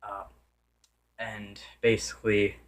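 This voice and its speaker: Low-voiced man rambling through a game review. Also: completely flat delivery, takes it slowly. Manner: rambling, with many restarts and self-corrections; loses his train of thought. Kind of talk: casual unscripted game review.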